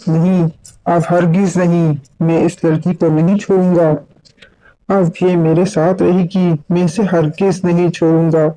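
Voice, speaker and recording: A woman voicing a vengeful male spirit that possesses a girl in a storybook horror tale, speaking in loud, menacing threats. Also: on the low side, little pitch movement, voice pushed down, lightly acted, poor audio.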